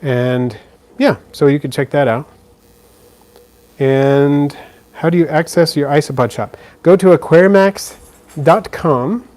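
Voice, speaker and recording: A man with a medium-pitched, somewhat dark voice fields viewer questions on a live stream. Filming indoors next to a frog terrarium, he's relaxed and talkative, full of fillers and restarts.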